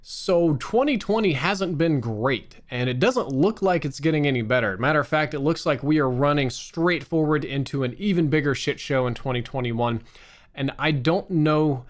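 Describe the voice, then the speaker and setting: A man's voice: on the high side, normal speed. Exasperated, swearing American man ranting. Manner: profane, exasperated. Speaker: online streamer. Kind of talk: candid rant to viewers.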